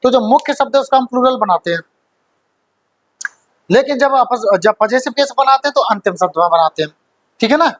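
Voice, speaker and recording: A man's voice: very high-pitched, expressive, a little fast, long pauses, a bit bright, low-quality recording. A man teaching a grammar class who quizzes his students, repeats key points, and mixes English terms into his explanations. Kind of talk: classroom lecture.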